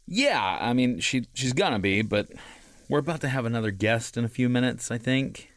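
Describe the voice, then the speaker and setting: A man's voice: medium pitch, animated, normal speed, no room sound, close to an everyday voice. An actor playing a weary radio host who talks hesitantly and restarts his sentences. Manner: hesitant, apologetic, restarting often. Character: weary male late-night radio host.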